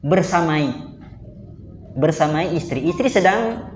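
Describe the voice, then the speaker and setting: A man's voice: on the high side, expressive, takes it slowly, reverberant, a little hiss or hum. An Indonesian man preaching in a mosque, asking his listeners questions and answering them himself. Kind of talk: lively sermon. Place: mosque hall.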